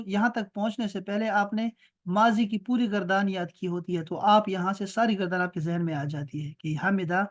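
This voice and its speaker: A man with an Urdu accent teaching Arabic grammar in an online class, explaining patiently, slowly chanting verb patterns and checking that students follow. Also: sits high. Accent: Pakistani Urdu.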